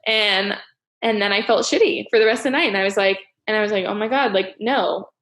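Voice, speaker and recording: A woman's voice: mid-range voice, fairly quick, fairly bright tone. A young woman hosting a casual podcast chat, rambling with lots of fillers and frequent laughs. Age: young adult. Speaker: podcast host.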